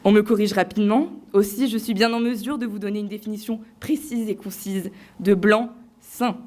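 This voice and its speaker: A woman's voice: mid-range voice, a little mellow. Woman giving a playful, theatrical speech. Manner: theatrical, playful, with deliberate pauses. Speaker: eloquence contest finalist. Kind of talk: prepared competition speech. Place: on stage before a live audience.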